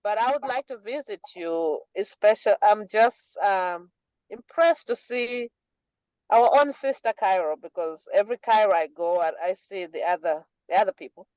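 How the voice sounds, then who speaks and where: A woman's voice: medium pitch, animated, moderate pace, darkish tone, dry recording, low-quality recording. A woman from Zimbabwe calling into an online meeting, enthusiastic and chatty. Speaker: caller. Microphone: video call.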